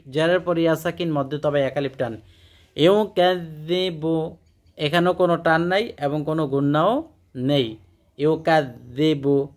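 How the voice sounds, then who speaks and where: A man teaching Quran recitation, chanting verses slowly and drawn out, then explaining pronunciation rules quickly. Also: a little high. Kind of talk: recitation lesson.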